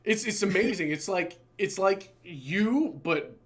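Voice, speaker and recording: Man, game master, fairly high voice, excitable, swears a lot, stumbling restarts. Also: takes it slowly. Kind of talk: running a tabletop game session.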